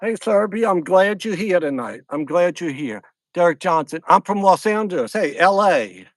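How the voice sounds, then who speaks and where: A middle-aged man with a Louisiana accent runs a laid-back fishing livestream outdoors at a lakeside camp. His voice is high and lively, moving at a normal speed with no room sound. He rambles, says things more than once, and greets each viewer by name as the fishing channel's host.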